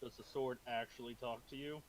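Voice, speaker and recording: A man's voice: medium pitch, fairly even intonation, a little fast, slight background noise, poor audio. A man playing a tabletop game, speaking casually in character. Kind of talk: casual in-character role-play.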